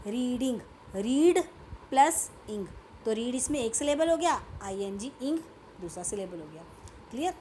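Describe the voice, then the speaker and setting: A woman's voice: sits high, dark tone, a little hiss or hum. A woman with an Indian English accent teaching a grammar lesson, mixing Hindi and English and often checking whether her students have understood.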